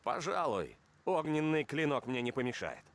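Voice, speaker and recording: An actor playing a noble, confident young paladin prince in a video game, proud and declamatory. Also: male voice, mid-range voice, big pitch swings, normal speed. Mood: calm, assured. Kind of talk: heroic video game character lines.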